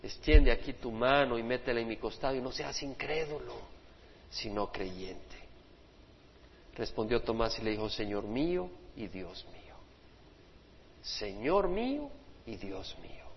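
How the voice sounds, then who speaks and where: A man's voice: mid-range voice, slight background noise. A male pastor giving an impassioned sermon, voicing the people he quotes as he preaches. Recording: dull lo-fi sermon recording in a reverberant hall.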